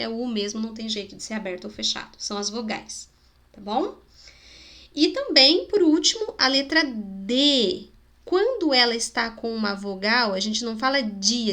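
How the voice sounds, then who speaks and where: Slightly high and fairly bright, this Spanish-accented woman's voice leads a video lesson for schoolchildren. She patiently explains, sounds out sample words, and asks "né?" and "tá bom?" to check in.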